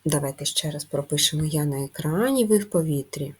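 A woman teaching young children to write letters, speaking slowly and gently with clear instructions. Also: sits low. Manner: slow, gentle and instructive, addressing young pupils. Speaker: primary school teacher. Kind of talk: children's handwriting lesson.

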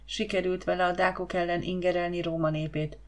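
A woman voicing a gentle, cautious woman servant who talks in a soothing, hushing way. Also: lowish voice, flat delivery, close to an everyday voice.

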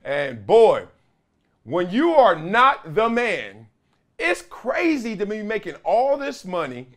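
The middle-aged man hosting sports commentary has a high, slightly bright voice whose pitch swoops wildly, and he speaks slowly. Working from a small studio, he tells stories, acts out quotes, and gestures broadly.

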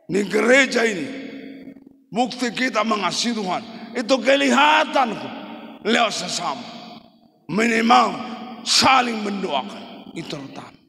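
High gravelly preacher in a ringing hall. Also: male voice, expressive, a little slow, pauses often. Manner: emphatic preaching in short punchy phrases, rising to shouts. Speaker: pastor. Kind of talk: sermon. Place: church hall. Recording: reverberant church hall.

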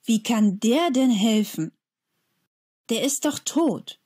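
A woman's voice: a little high, animated, slow, warm tone, breathy edge, voice pushed up, heavily acted. A woman voicing a sulky, mocking boy who grumbles and teases in a children's story. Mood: annoyed. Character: older boy, mocking bully, sulky and gruff.

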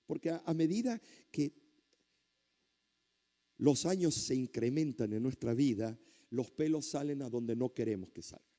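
A male pastor preaching a sermon through a lively story, with exclamations and sound effects. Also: medium pitch, a little slow, pauses often.

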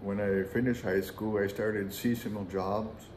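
Low-voiced man with an Inuit accent. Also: little pitch movement, measured pace, a little mellow. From Arviat, Nunavut, Canada. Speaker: mayor and interviewee. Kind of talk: conversational interview answers. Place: indoor council chamber. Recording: roomy echo, background noise.

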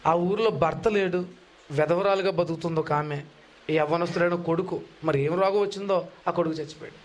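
A man preaching a sermon, retelling Bible stories in an animated way and acting out the voices he quotes. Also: fairly high pitch, brisk. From India.

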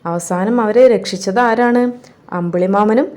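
A woman teacher reading a children's story aloud with lots of expression, then explaining it with gentle questions to young pupils. Her voice is dark and mellow, at a middling pitch. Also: measured pace.

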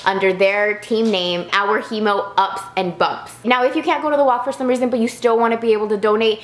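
A woman's voice: mid-range voice, steady tone, a little fast. A woman family vlogger from Arizona, talking casually and earnestly to her viewers. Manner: earnest, chatty, thanking viewers warmly. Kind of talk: casual talk to camera. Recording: roomy echo.

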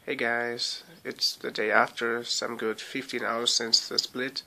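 Bright-voiced young man with a lisp, whistling s. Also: medium pitch, little pitch movement, unhurried, creaky. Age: young adult. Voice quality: lisp, slurred sibilants from swollen tongue. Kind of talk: casual video diary. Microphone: phone at arm's length.

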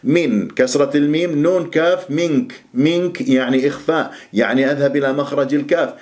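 A middle-aged man teaching Quran recitation rules, explaining quickly and then reciting words slowly as models. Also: on the high side, darkish tone. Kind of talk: tajweed pronunciation lesson.

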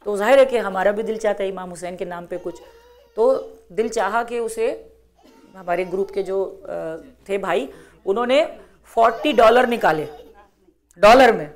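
A middle-aged woman giving an earnest religious talk to a women's gathering, exhorting and repeating phrases for emphasis. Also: mid-range voice.

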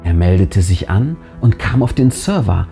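In a low, creaky voice with a sing-song quality, a man reads a scripted first-person horror story at a moderate pace, leaning into drama and suspense. He is the channel host and narrator, with background music behind him.

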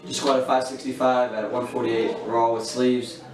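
A man's voice: mid-range voice, level tone, normal speed, distant mic. A young man in his twenties, a powerlifter, talking casually and matter-of-factly about training. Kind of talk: casual gym interview. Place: large busy gym, indoors. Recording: roomy gym with crowd noise.

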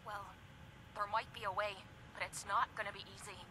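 Actress as a blunt young Irish addict, pleading. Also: female voice, medium pitch, little pitch movement, a little fast, background noise, natural voice. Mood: hopeful. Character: tough young female drug addict companion, desperate for help. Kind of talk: dramatic video game dialogue.

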